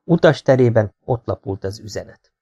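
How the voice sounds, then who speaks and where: A man reading a science fiction audiobook aloud in a calm, even narrating manner. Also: lowish voice, highs cut off. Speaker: audiobook reader.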